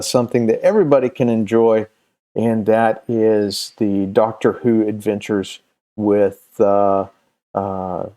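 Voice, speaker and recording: A middle-aged man who hosts a channel recommending comics chats casually and unscripted to his viewers. He meanders, halting often with long hesitations, in a low, dark-toned voice.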